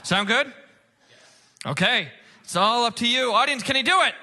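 Hosting a comedy game show on stage before a live audience, a man delivers lines with showy, emphatic announcer flair. His voice is extremely high-pitched and expressive at a moderate pace, with heavy background noise.

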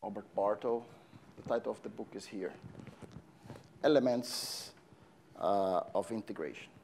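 A man in his thirties from Brazil, lecturing on a lapel mic in a large empty lecture hall, friendly and halting with fillers as he writes on the board. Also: lowish voice, creaky, darkish tone, slight background noise. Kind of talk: university lecture.

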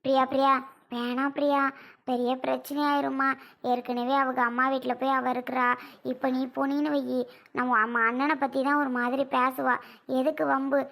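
A woman's voice: sits high, flat delivery, moderate pace, gravelly, fairly bright tone. A woman voicing an older cartoon mother who lectures, pleads and laments in a scolding way. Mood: pleading. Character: older mother, lecturing and grieving over her son. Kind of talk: cartoon voice acting.

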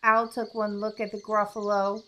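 A woman reading a children's story aloud as a storyteller, gentle and expressive. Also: mid-range voice, normal speed.

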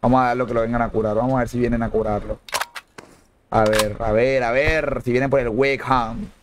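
A young man giving casual gameplay commentary in slangy, jokey talk that breaks into shrill pleading. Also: fairly even intonation, a little fast, slight background noise. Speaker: gamer streamer.

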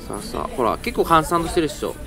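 A man's voice: a little high, huge pitch swings, quick pace, gravelly, over music, a crowd in the background. A young man narrating a casual vlog while browsing a flea market, chatty and rambling, often correcting himself mid-sentence. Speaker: toy-hunting vlogger. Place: indoor parking garage flea market.

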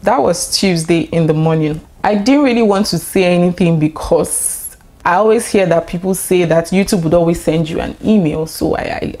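A young woman talking casually to camera in a vlog, chatty and excitable, with lots of fillers and bursts of laughter. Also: fairly low pitch, normal speed. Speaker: YouTuber.

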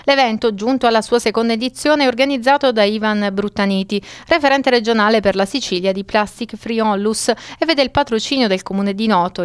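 A woman reading regional news in a formal, even delivery. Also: mid-range voice, clean tone, no room sound. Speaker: news reader. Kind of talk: scripted news narration.

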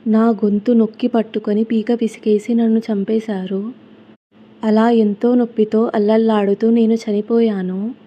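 A woman narrates a horror story in a fairly high voice that stays flat and level throughout. Her delivery is steady and even, and the recording sounds dull and lo-fi. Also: normal speed.

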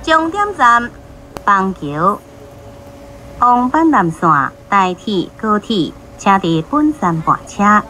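A woman making measured, clearly enunciated train announcements, heard over the carriage's intercom loudspeaker. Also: medium pitch, very animated, slight background noise, low-quality recording. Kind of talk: recorded transit announcements.

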